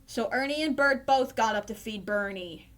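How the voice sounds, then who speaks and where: A woman reading a children's storybook aloud in a slow, clear storytelling manner. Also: on the high side, fairly bright tone. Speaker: storybook reader.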